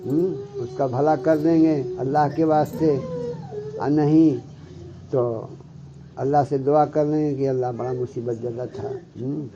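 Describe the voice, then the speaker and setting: A man giving a devotional sermon as a Sufi spiritual guide, often stopping to check with his listeners and slowly reciting Arabic scripture. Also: medium pitch, steady tone, noisy background. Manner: keeps checking with listeners, "hmm?". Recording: muffled lo-fi recording.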